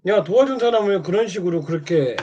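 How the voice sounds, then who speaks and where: Taunting another streamer, a man scolds him in a mocking monologue, jabbing repeatedly with short questions and a needling "eh?". His voice sits high, dark and slightly rough, animated and fast. The audio is dull and lo-fi.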